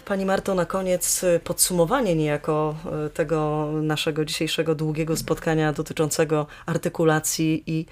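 A woman radio host with a low voice leads the interview. She speaks in a measured way and pauses often on small hesitations. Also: little pitch movement, darkish tone. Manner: measured, with frequent filler hesitations.

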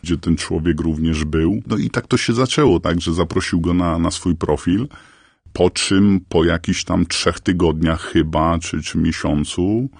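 A man speaks through a disguised, electronically altered voice that sits extremely low, gravelly and husky. His delivery is halting and earnest, as he searches for his words. The sound is close and dry. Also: darkish tone, no room sound. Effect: voice electronically altered and lowered to stay anonymous. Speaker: anonymous parent guest. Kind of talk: radio interview.

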